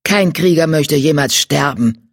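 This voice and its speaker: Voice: medium pitch, unhurried, dry recording, clean studio sound. A reader voicing a stern elder she-cat who speaks curtly and reproachfully, raised above the narration. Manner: curt, reproachful.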